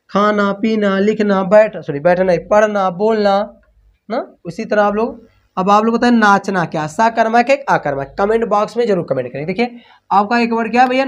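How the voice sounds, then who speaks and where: A man teaching a grammar lesson, repeating key terms as questions and correcting himself as he writes on a board. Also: high voice. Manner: repeats key terms as questions, slow and drawn out when dictating; self-corrects mid-sentence. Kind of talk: online classroom lesson.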